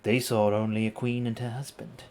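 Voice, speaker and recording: A man's voice: medium pitch, level tone, moderate pace, creaky, darkish tone. A man streaming a game, reading its story dialogue aloud in a playful, dramatic way with casual asides.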